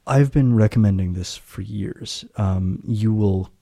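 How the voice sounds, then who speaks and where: A man's voice: fairly low pitch, unhurried, vocal fry, mellow. A man co-hosting a casual language lesson podcast, chatty with explanatory asides. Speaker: co-host.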